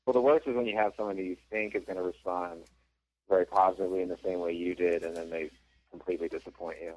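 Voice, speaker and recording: A man's voice: sits low, steady tone, quick pace, darkish tone, dull audio, a little hiss or hum. A man guesting on a podcast, chatting casually with brief, sympathetic remarks. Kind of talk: casual chat.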